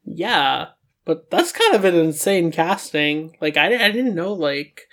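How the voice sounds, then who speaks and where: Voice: medium pitch, sing-song, unhurried, a bit bright. A young adult podcast host leading a casual discussion about animation with friends.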